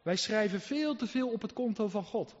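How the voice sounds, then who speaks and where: A man preaching a sermon, emphatic and full of rhetorical questions, who swings between loud and soft. The recording is reverberant and dull. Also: high voice, lively intonation, moderate pace. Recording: reverberant hall, dull lo-fi sound.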